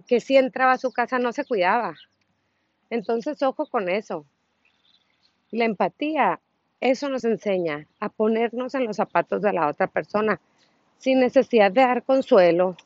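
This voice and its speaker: A woman's voice: on the high side, darkish tone, no room sound, muffled recording. A woman with a Mexican accent hosting her own solo podcast, speaking earnestly and with feeling, firing off rhetorical questions. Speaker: podcast host. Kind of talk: reflective solo podcast monologue.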